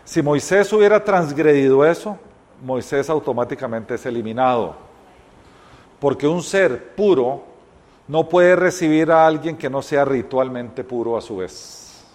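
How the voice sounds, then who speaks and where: A man's voice: mid-range voice, lively intonation, a little slow, darkish tone. A man teaching a Bible study, explaining scripture step by step and sometimes correcting himself mid-sentence. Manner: explanatory, retells scripture scenes with voiced dialogue; occasional self-corrections.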